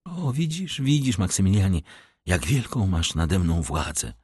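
Man playing a tearful young woman in love, pleading, raised voice, audiobook, very lively pitch. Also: measured pace, breathy edge, no echo, studio quality, heavily acted. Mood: imploring. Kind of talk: audiobook reading of a classic novel.

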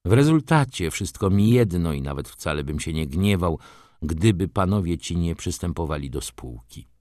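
Reserved merchant, read by a man, terse and understated, low voice, dry close sound. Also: lively intonation, normal speed, a little mellow, dry recording.

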